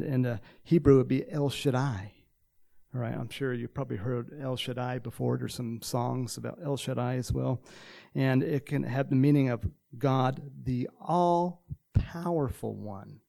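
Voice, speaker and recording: A pastor in his sixties from Texas, with a slight Texan accent, preaches in a casual, rambling storytelling style full of fillers. His voice is medium in pitch, creaky and dark in tone.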